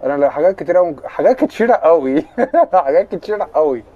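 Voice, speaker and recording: A man's voice: on the high side, expressive, fast talker, warm tone, dull audio. A young man with an Egyptian accent chatting on a casual live stream, answering viewer comments in a joking, teasing way. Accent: Egyptian Arabic.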